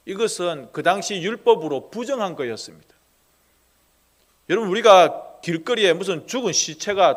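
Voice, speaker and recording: Impassioned preaching man, high voice. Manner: swings from hushed, soft quoted asides to loud emphatic preaching. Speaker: pastor. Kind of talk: sermon. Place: church sanctuary.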